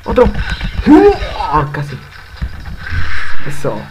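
A man's voice: a little high, wildly swooping pitch, takes it slowly. A young man with a Mexican Spanish accent commenting casually on a fighting game as he plays, swearing in frequent outbursts. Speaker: gamer. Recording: game music loud behind voice.

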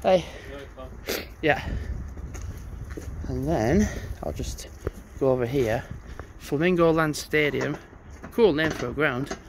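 A man with a fairly high voice and an unhurried pace, chatting as he walks outdoors. He thinks aloud and reads signs out as he goes. Loud wind buffets the mic throughout. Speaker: vlogger. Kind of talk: casual walking vlog narration. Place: outdoors on snowy paths by a stadium.

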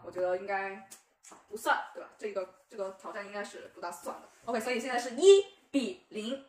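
A young woman hosts a casual vlog with an animated, giggly manner. Her voice is fairly high and picked up a little away from the mic in a roomy space. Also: a little hiss or hum. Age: young adult. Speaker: host of a prank-call game. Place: living room, indoors. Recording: roomy, distant camera mic.

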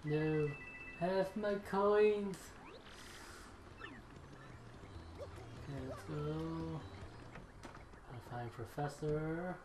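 A man's voice: fairly high pitch, drawn-out words, long pauses, a little mellow, echoey room, slight background noise. A man hosting a gaming video with casual commentary as he plays. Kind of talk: casual game commentary with dialogue reading.

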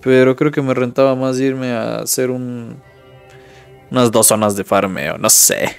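A young man from Ecuador streams a mobile survival game, talking casually as he loots and reads chat aloud. His voice has a gravelly, fry-edged texture at an ordinary middle pitch. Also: steady tone, measured pace, soft background music. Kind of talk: live mobile game commentary.

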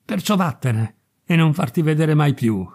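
A haughty boy spits out his words, hard and bitter, as a man reads him. The voice stays dark and mellow underneath the scorn. The contempt runs steady through every line. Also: a little high, moderate pace. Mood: scornful. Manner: harsh, scornful. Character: proud, cruel boy, the star child.

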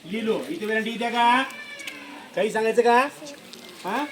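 A man's voice: sits high, moderate pace, background noise. A male school teacher giving a classroom lesson to children, repeating questions and coaxing pupils to answer. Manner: repetitive questioning, coaxing pupils with filler prompts.

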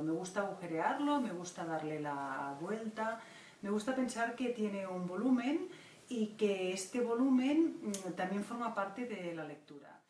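Soft-spoken woman, distant roomy recording. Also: medium pitch. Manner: thoughtful, halting, frequent "ah" fillers. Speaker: children's book author and illustrator. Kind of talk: reflective interview monologue. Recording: roomy distant mic with faint noise.

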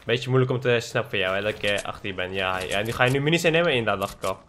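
A man's voice: lowish voice, racing, a bit bright, a little hiss or hum. A young man giving playful, trash-talking gameplay commentary as a gaming YouTuber, slipping English slang into his talk.

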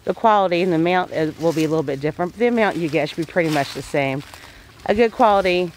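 A woman's voice: lowish voice, fast talker, slight background noise, rough recording. A woman homesteader giving a casual voice-over, plain-spoken and folksy with homey farm phrasing.

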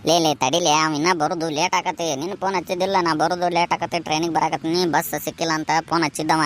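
A man with a North Karnataka Kannada accent voicing a gruff, dismissive village father who talks curtly in a cartoon. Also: on the high side, level tone, quick pace, fairly bright tone, lightly acted. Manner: brushes off with curt "le" calls. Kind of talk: cartoon voice acting.

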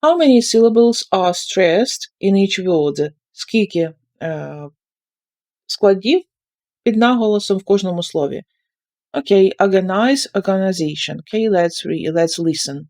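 A woman's voice: mid-range voice, animated, unhurried, darkish tone. Ukrainian-accented woman teacher for an online lesson, explaining each step and repeating it. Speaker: English teacher. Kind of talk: online textbook lesson, switching English and Ukrainian.

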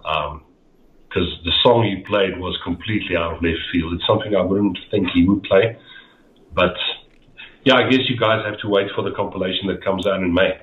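A middle-aged man with an Afrikaans accent rambles as a guest in a casual video-call interview, often repeating his words. His voice is low-pitched at a moderate pace, with a little hiss or hum audible. He's in a dim room at home on a headset, and the call audio sounds echoey and tinny.

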